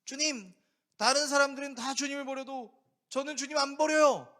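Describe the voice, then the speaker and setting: A pastor voicing a brash, boastful male disciple in a sermon, loud and indignant. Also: extremely high pitch, fairly even intonation, normal speed, pitched above the performer's own voice.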